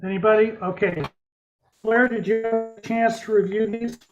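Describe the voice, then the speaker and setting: A man's voice: high voice, steady tone, normal speed, highs cut off, over music. A man chairing a meeting over a conference call that breaks up, plain-spoken with dry asides. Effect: conference call audio, breaking up. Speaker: board chair.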